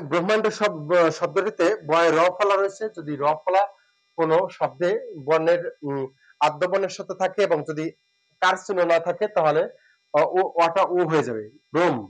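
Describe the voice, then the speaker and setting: A man giving a spoken lesson, explaining step by step and repeating words slowly and drawn out. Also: a little high, rough recording. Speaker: teacher.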